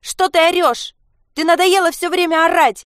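A woman reading aloud voices a defiant schoolgirl who shouts back at her mother. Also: extremely high pitch, steady tone, normal speed, no echo, clean studio sound, voice pushed up. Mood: furious. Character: angry defiant schoolgirl daughter.

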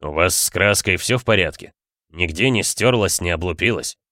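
Man doing a cool calm stranger, stern, lowish voice. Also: normal speed, no room sound, studio quality. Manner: calm, reproving. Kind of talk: audiobook character voice.

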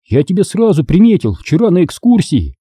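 A man's voice: big pitch swings, brisk, warm tone, breathy edge, no echo, clean studio sound, heavily acted. A man voicing a cold, menacing ghost boy. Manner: low cold menace, eerie. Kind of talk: audiobook character reading.

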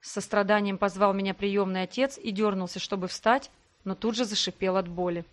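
A woman narrating a first-person fantasy audiobook in an expressive voice with dry irony. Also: medium pitch, a little fast.

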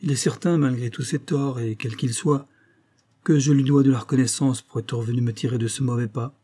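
Voix d'homme : un homme qui lit un jeune ingénieur angoissé, nerveux, timbre sombre et voilé. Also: male voice, medium pitch, steady tone, a little fast, mellow, slightly rough, close to an everyday voice. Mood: anguished. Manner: strained, pleading. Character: young male engineer, anguished, nervous.

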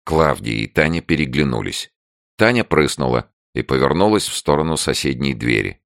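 A man with a very deep, gravelly voice reads a novel aloud. His delivery swings with lively, expressive intonation. The sound is dry and close to the mic. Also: moderate pace, dry recording. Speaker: audiobook narrator. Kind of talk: scripted narration.

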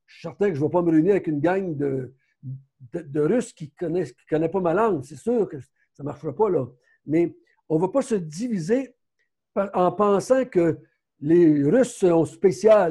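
Leading a Bible study, a Québécois-accented man talks in a conversational way and frequently corrects himself mid-thought. His voice sits high but has a dark, slightly rough tone.

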